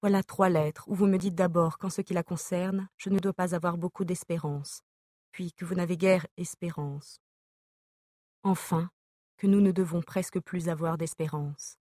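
Low-voiced woman reading letters aloud. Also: steady tone, normal speed, dark tone, dry recording, clean studio sound. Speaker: audiobook reader. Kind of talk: reading an epistolary novel aloud.

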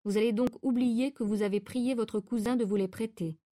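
A woman reading aloud, voicing a calm doctor who gives firm hypnotic instructions. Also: on the high side, fairly quick, natural voice. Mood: commanding. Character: calm, confident male doctor giving hypnotic orders.

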